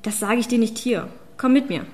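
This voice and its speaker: A woman's voice: on the high side, fairly quick, natural voice. A woman reading an audiobook, voicing a fierce, power-hungry female witch who hisses and commands. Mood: coaxing. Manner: hissing, commanding, then shouting.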